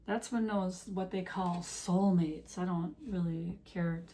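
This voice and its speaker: A woman's voice: lowish voice, steady tone, slow pace, mellow. A woman tarot reader speaking straight to her viewers in an earnest, preachy monologue of encouragement, her voice getting worn. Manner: earnest, preachy, direct address. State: losing her voice.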